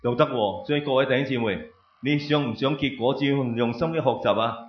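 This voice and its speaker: A man's voice: medium pitch, brisk. Older male pastor, exclamatory preacher, asks and answers his own questions; echoey room. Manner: animated, exclamatory, fires rhetorical questions and answers them. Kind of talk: sermon. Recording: roomy, dull lo-fi recording.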